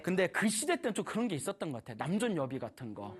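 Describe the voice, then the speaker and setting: A Buddhist preacher telling a temple story in a lively, animated way, laughing often while speaking to an audience. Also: medium pitch, very fast. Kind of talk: storytelling dharma talk.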